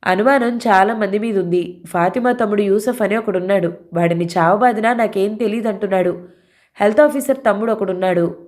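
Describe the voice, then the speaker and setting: A woman's voice: medium pitch, a little fast, a little mellow, natural voice. Brief: woman reading a tired, blunt middle-aged cop, matter-of-fact. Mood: weary. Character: middle-aged male police officer, weary and blunt.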